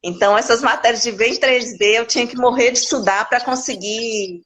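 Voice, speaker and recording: A woman's voice: on the high side, steady tone, brisk, a bit bright. A woman in her forties from Minas Gerais, a guest chatting candidly in an interview, often restarting her sentences. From Minas Gerais, Brazil. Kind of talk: casual interview chat.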